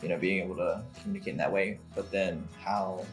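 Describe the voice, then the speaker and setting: A man in his twenties from the United States, chatting casually in an animated way with fillers as a guest. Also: deep voice, brisk, soft background music. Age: 20s. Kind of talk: casual discussion.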